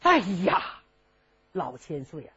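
A woman playing a gruff old general. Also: on the low side, wildly swooping pitch, slow, a bit bright, voice pushed down, heavily acted. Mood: coaxing. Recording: dull lo-fi recording.

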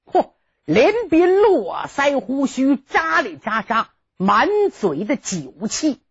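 Animated woman storyteller, husky and highish; dull lo-fi recording. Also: slow pace. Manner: animated, dramatic, sound-effect words. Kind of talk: traditional storytelling narration.

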